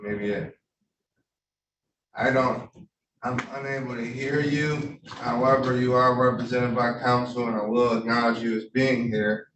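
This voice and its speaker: Presiding as judge in a remote hearing, this man keeps a mid-range voice with little pitch movement and speaks a little slowly, polite and formal but frequently hesitating. It's heard as a courtroom recording, picked up from afar by a room mic, roomy with a faint hum.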